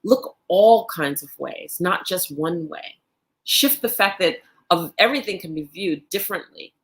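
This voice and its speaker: A woman's voice: lowish voice, lively intonation, a little slow. A woman co-hosting a wellness podcast, affirming her partner and urging listeners to shift their point of view. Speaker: podcast co-host, wellness presenter. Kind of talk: motivational podcast talk.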